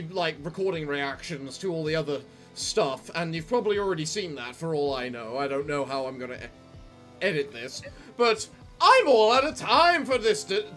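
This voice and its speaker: High-pitched, animated male gaming host. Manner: rambling, theatrical sign-offs. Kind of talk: casual let's play commentary.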